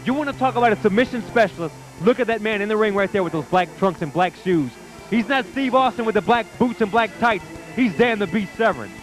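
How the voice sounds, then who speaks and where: A man's voice: high voice, a little fast, faint music behind. A man giving live wrestling commentary from ringside in an enthusiastic, emphatic way.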